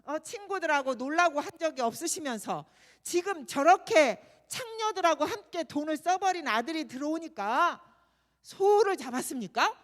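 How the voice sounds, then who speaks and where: A woman's voice: high-pitched, lively intonation, moderate pace, big-room sound. A woman voicing a resentful elder son in a Bible story, speaking in an indignant, complaining way.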